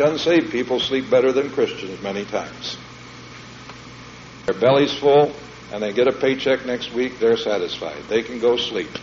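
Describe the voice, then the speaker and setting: Emphatic preacher man, lo-fi recording. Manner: emphatic, swings from loud declarations to low asides. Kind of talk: verse-by-verse sermon. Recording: dull lo-fi recording with faint hum.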